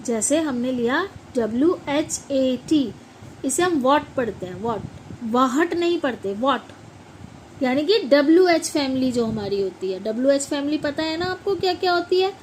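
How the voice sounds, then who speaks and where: A woman's voice: sits high, animated, moderate pace, darkish tone, slight background noise, poor audio. A woman teaching pronunciation in a classroom style. She spells out words letter by letter, repeats them, and keeps checking that her listeners follow. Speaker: English teacher. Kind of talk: classroom explanation.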